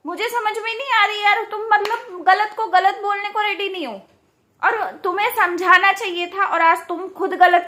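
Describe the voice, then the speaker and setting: A woman's voice: extremely high pitch, bright, forceful tone. A young woman, ranting in a casual vlog and scolding with rhetorical questions. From India. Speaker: YouTube commentator.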